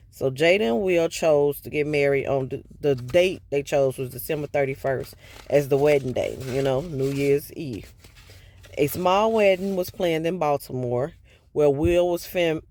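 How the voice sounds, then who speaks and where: A man's voice: a little high, a little mellow. A man casually retelling a book chapter for his viewers, in a loose, chatty way with asides to the audience. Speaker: book review vlogger.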